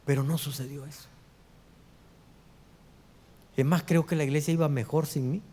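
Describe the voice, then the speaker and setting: A middle-aged pastor with a high voice preaches a sermon. He swings between hushed, low lines and raised, lively quotes, and his voice rings with a long hall reverb. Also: fast talker, breathy edge.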